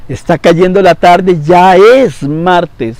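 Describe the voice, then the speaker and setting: Animated preacher man in his fifties. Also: high-pitched, slow pace, dry recording. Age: 50s. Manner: animated, shifting between loud emphasis and quiet asides. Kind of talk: devotional Bible teaching.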